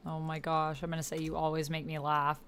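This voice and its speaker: A woman hosts a playthrough of an online text roleplaying game, casually explaining things as she thinks aloud and sometimes reading text out. Her voice sits low and monotone with a fairly bright tone, moving a little fast over a faint hiss or hum.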